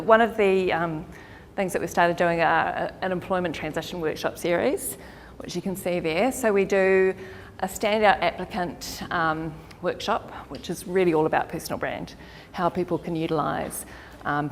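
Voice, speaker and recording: This lowish female voice comes with a little hiss or hum on the recording. She's a career counsellor with a New Zealand accent, laughing often as she delivers a chatty, informal workshop presentation to an audience in a meeting hall, where a long reverb hangs in the air.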